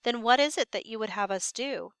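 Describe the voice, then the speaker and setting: A cautious old royal advisor who bows to his king's will, read by a woman with a smooth, clear voice that sits a little high. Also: fairly quick, no echo, lightly acted. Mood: deferential.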